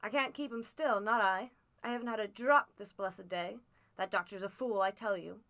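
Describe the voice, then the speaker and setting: A woman voicing a sick old sea captain who talks in rough sailor slang, feeble but hearty, in an audiobook. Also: mid-range voice, normal speed, fairly bright tone, close to an everyday voice. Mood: desperate. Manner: rough seafaring slang, cursing. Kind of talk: audiobook character voice.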